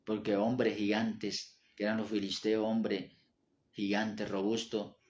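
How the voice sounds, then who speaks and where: A man preaching a fervent sermon, repeating phrases in a steady cadence and breaking into speaking in tongues. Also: fairly low pitch.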